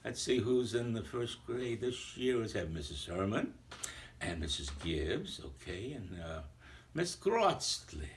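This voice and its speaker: A jolly old Santa Claus, played by a man, chatting in a rambling, playful way to a school full of children. His lowish voice swings up and down with plenty of life. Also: lively intonation, a little slow, a little hiss or hum. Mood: cheerful. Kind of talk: recorded video greeting to a school.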